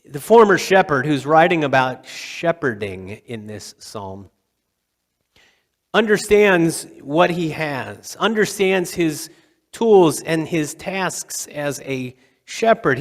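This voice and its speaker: A man's voice: on the high side, expressive. Man preaching in a reverberant hall. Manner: conversational, dramatic pauses, acts out quotes. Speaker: pastor. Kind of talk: sermon. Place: church sanctuary.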